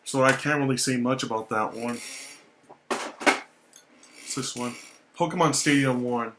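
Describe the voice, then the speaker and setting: Young male vlogger, laid-back and rambling, average pitch, casual swearing. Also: a little slow, very noisy. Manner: relaxed, rambling, repeats himself, swears casually. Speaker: YouTuber showing his game collection. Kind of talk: casual vlog talk.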